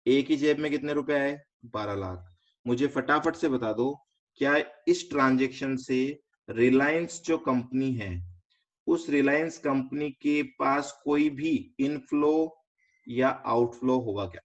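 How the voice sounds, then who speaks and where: In a somewhat muffled, lo-fi recording, a medium-pitched man with an Indian accent runs an online finance class. His explanations proceed step by step, punctuated by quick questions to students and sprinkled with English terms.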